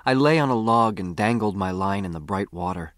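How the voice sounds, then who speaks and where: An audiobook narrator with an American accent tells a first-person story in a lowish, fairly bright voice, speaking a little fast and with lots of expression. He sounds like a boy recounting his own adventure conversationally. The studio-quality recording has no room sound.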